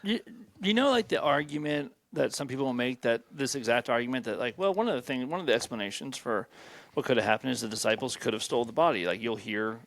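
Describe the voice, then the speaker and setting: A man in a casual Bible discussion who works out his ideas as he speaks, with plenty of fillers. His voice has a marked gravelly fry at a middle pitch. The sound is close and dry. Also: expressive, fast talker, fairly bright tone, no room sound. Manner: talks through ideas aloud, many fillers. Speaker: podcast co-host.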